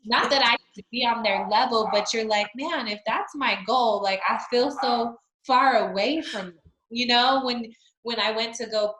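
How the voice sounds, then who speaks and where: A woman's voice: fairly high pitch, moderate pace, noisy background. Woman guest, author, from Utah. Candid conversational delivery, echoey room sound. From Utah, United States. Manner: candid and reflective, many "you know" fillers. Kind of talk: conversational interview.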